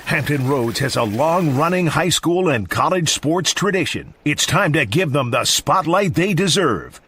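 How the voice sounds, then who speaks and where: A man's voice: fairly high pitch, animated, measured pace, a bit bright, a little hiss or hum. A man reading a scripted introduction for a sports talk show in a promotional, announcing way.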